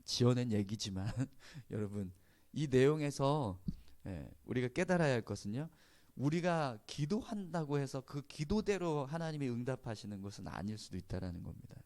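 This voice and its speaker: A man's voice: medium pitch, lively intonation, moderate pace, darkish tone. Korean male pastor preaching conversationally. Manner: conversational preaching, frequent affirming interjections. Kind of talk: sermon.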